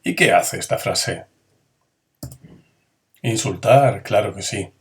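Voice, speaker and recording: A man's voice: fairly low pitch, animated, takes it slowly. A man teaching a grammar lesson. He asks his students questions, answers them himself, and acts out the intonation of each example sentence.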